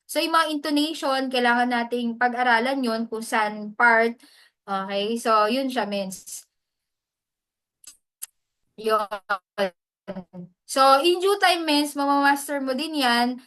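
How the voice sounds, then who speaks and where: A woman's voice: fairly high pitch, takes it slowly, pauses often, fairly bright tone. A woman giving a chatty, casual lesson on hosting, often slipping English into her talk. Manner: chatty, mixes English into Tagalog, often adds "mens". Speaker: hosting mentor.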